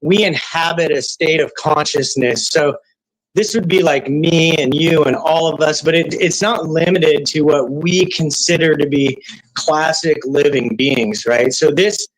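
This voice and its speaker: A man's voice: a little high, dry recording. A man calling in as a guest, explaining himself in a rambling, hesitant way with many fillers, his voice coming through crackling, distorted call audio. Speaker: guest caller. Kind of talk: casual debate chat. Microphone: browser call mic.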